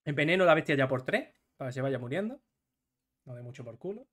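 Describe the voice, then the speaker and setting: A man, commentating his own match live as a gaming streamer, excitable and swearing, going from low mutters to shouts. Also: fast.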